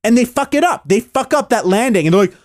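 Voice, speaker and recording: A man's voice: extremely high pitch, expressive, quick pace, darkish tone, no room sound. A man co-hosting a podcast, ranting about a TV show with a lot of swearing. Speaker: podcast co-host. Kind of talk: casual podcast chat.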